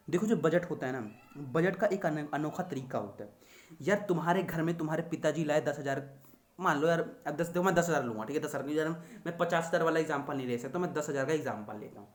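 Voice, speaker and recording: A man's voice: fairly high pitch, fast, roomy sound. A young man teaching economics to exam students in a chatty, teasing lecture style. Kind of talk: casual Hindi lecture.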